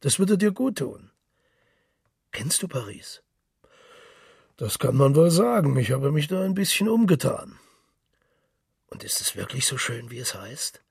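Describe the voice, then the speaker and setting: A man voicing a boisterous, hard-drinking middle-aged male journalist, loud and boastful, with a gravelly, raspy voice. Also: medium pitch, very animated, moderate pace, dry recording, clean studio sound, full character voice. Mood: worldly.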